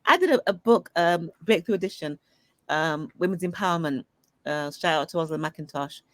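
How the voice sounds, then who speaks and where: A middle-aged woman, an interview guest, telling personal stories in a lively, conversational way and acting out the voices of people she quotes. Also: on the low side, moderate pace, no echo. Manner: animated storyteller who acts out dialogue. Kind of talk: conversational storytelling.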